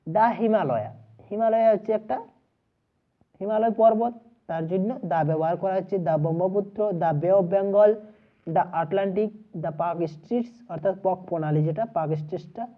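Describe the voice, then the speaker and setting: A woman teaching an exam-prep grammar lesson, explaining step by step, spelling out letters and repeating pronunciations, and slowing down to dictate example sentences. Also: medium pitch. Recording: slightly dull lo-fi audio.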